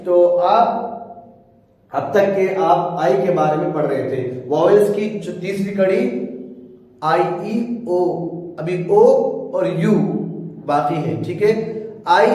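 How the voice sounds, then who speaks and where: Male teacher, high voice, unhurried drilling of words, long reverb, distant mic. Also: a little mellow. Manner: repeats words slowly, says "ठीक है" often. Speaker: English teacher. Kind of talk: classroom-style lesson. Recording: echoey room, mic far away.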